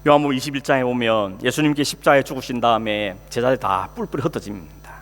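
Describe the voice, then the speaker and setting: A man's voice: mid-range voice, fast. A male pastor preaching a sermon in a conversational way, asking the congregation questions and acting out quoted speech. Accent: Korean. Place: church sanctuary. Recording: long hall reverb, faint hum.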